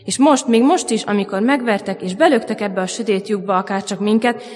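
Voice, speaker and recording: A woman voicing a grumpy, gruff male dwarf who cannot see, in a storybook reading. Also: medium pitch, darkish tone, natural voice. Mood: furious. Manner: gruff, scornful. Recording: long church reverb.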